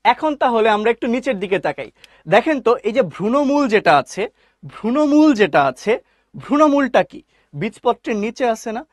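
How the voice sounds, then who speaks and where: A man teaching a live online biology class, repeating key terms slowly and quizzing his listeners. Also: very high voice, no room sound, clean studio sound.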